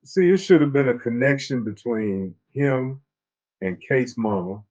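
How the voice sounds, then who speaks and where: Laid-back and frequently restarting sentences, a man co-hosts an informal conversation about a TV drama while faint music plays. He speaks unhurriedly in a medium-pitched, slightly mellow voice on a lo-fi recording.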